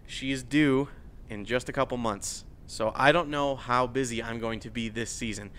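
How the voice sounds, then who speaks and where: A man's voice: medium pitch, steady tone, moderate pace, fairly bright tone, slight background noise. A young man hosting a football hot-take segment, ranting in an incredulous, mocking way. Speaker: host. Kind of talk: ranting sports commentary.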